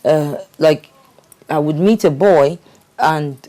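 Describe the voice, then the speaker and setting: A middle-aged woman tells her own story in a candid, conversational way. She often hesitates and starts over, filling pauses as she goes. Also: deep voice, mellow. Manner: hesitant, with frequent fillers and restarts. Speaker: guest sharing her life story.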